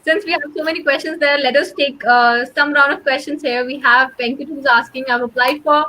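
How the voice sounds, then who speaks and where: Lady hosting a webinar, high sharp voice, pauses a lot while taking questions. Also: fairly even intonation, poor audio. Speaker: host reading audience questions.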